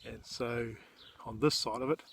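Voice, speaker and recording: A man's voice: medium pitch, fairly even intonation, measured pace, a bit bright. A middle-aged man with a Māori New Zealand English accent, talking casually and unhurriedly with hesitations as he films a walk-around vlog outdoors. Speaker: vlogger showing family land. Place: outdoors on rural land. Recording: noisy outdoor amateur recording. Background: clear outdoor noise, birds.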